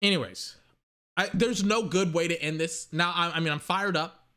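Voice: mid-range voice, sharp tone. A young adult giving a heated, profane sports rant. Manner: angry, profane, fast ranting. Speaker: sports commentator.

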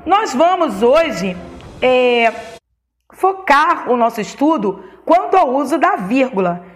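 Brazilian woman teacher, high voice, methodical lesson delivery over faint music. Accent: Brazilian Portuguese. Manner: explains step by step, saying each comma aloud. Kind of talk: recorded classroom lesson.

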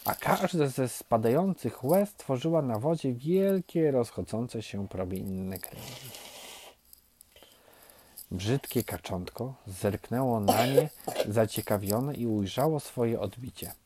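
Gentle man reading a fairy tale. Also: mid-range voice, slow pace, breathy edge. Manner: gentle expressive storytelling. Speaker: storyteller.

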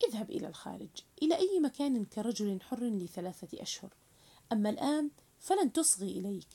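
A woman narrating a retold mystery novel in an expressive storytelling manner. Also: medium pitch, fast talker, creaky, husky.

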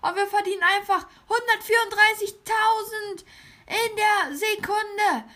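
Woman playing a shrill, overhyped star YouTuber. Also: measured pace, full character voice. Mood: hyped. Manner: exaggerated high put-on voice; constant excited exclamations. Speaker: let's player. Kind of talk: gameplay let's play.

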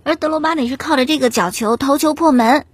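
A woman host telling a sports story in a chatty, animated way, often asking the listener rhetorical questions. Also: high-pitched, fast, dry recording. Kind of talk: casual storytelling commentary on football.

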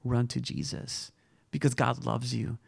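A man's voice: medium pitch, flat delivery, measured pace, vocal fry, slightly rough, no echo, studio quality. A man preaching a conversational sermon, reading scripture, asking his listeners rhetorical questions and closing in prayer. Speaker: pastor.

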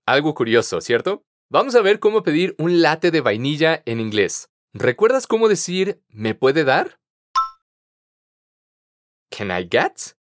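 A man teaching English pronunciation on a podcast, patient and encouraging, modeling words slowly for students to repeat. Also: fairly high pitch, big pitch swings, dry recording, clean studio sound. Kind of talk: podcast language lesson.

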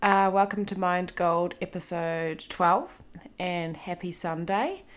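A woman in her thirties with a New Zealand accent hosts a solo podcast episode, her voice fairly low and her pace slow. She's chatty and self-deprecating, with frequent ums and small laughs.

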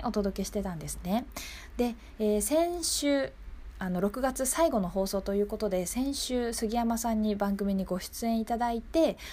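On a local radio program, a woman with a fairly high pitch and darkish tone talks to her listeners from the studio. She's courteous and chatty, regularly checking that her audience agrees.

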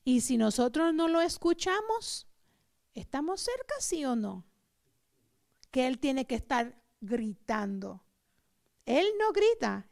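A woman pastor preaching a sermon, asking the congregation rhetorical questions and swinging between loud emphasis and soft asides. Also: sits high, gravelly. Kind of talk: Pentecostal sermon.

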